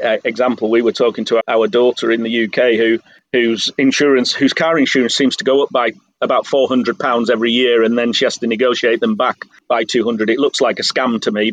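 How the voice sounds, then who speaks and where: A middle-aged English man talking candidly as an interview guest, measured and self-deprecating. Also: mid-range voice, dry recording, rough recording. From England. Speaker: guest, business owner abroad. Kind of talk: interview conversation.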